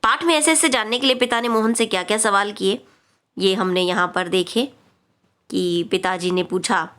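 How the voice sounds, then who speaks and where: A woman's voice: mid-range voice, normal speed, a bit bright, smooth. Patient woman teacher explaining. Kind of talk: classroom lesson explaining a worksheet.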